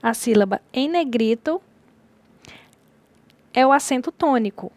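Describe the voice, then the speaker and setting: A woman teacher giving a recorded distance-learning lecture, explaining slowly and repeating key words. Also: high voice, expressive, darkish tone, no room sound.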